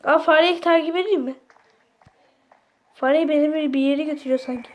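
A woman's voice: high-pitched, steady tone, brisk. A woman commentating her horror game play, panicking, pleading with the monster and screaming when it comes close, with the mic held up to her ear. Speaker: gameplay streamer.

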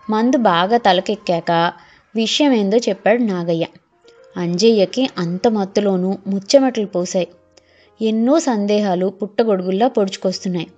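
A woman narrating an audiobook story in a steady storytelling manner. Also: mid-range voice. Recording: muffled lo-fi, faint music.

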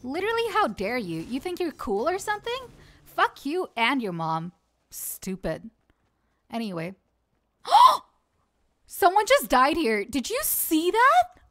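Young woman streamer cursing n panicking, high bright voice all over the place. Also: big pitch swings, moderate pace. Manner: profane, jumpy and panicky; trash-talks opponents. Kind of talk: live gaming stream commentary.

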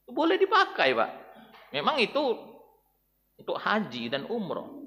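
A man preaching a dawn sermon to a mosque congregation, swinging between loud exhortation and hushed, tender calls. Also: high-pitched, wildly swooping pitch, normal speed, in a large hall, lo-fi sound. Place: large mosque.

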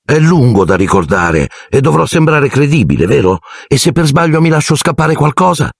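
A man voicing a cool-headed, defiant teenage boy wizard in an audiobook, raising his pitch for the role. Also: very animated, normal speed, vocal fry, husky, dry recording, studio quality, heavily acted.

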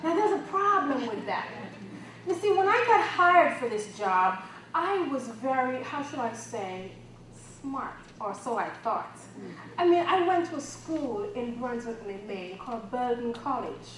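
A woman's voice: fairly high pitch, unhurried. Woman from the Caribbean speaking in an echoey hall. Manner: lively storytelling, self-mocking, acts out quoted dialogue. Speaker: keynote speaker. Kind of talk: humorous motivational speech. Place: conference hall. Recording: echoey hall from far off with background noise.

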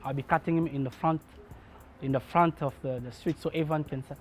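A man from Congo in his thirties, a barber telling his own story in a documentary interview, earnest and measured. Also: fairly high pitch, fairly even intonation, soft background music. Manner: earnest, measured, acts out remembered dialogue. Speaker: barber and shop owner.

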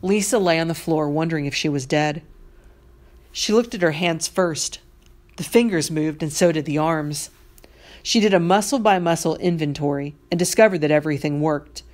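Reading a novel aloud to her class, a woman teacher uses a voice that is low and deep for a woman. Her delivery is measured and expressive, lending the story weight.

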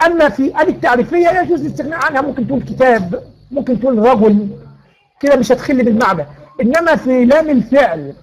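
A man with an Egyptian Arabic accent teaching Quran recitation rules in an online lecture, explaining patiently, posing and answering his own questions, reciting verses slowly. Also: extremely high pitch, expressive, rough recording.

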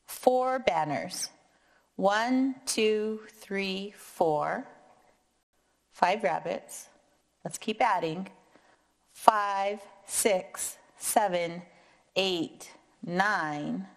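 An American woman in her thirties reading aloud to young children in a kindergarten teacher voice, counting deliberately and prompting with questions. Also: medium pitch, gravelly. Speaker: kindergarten and first grade math teacher. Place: indoor classroom or meeting room, seated at a table.

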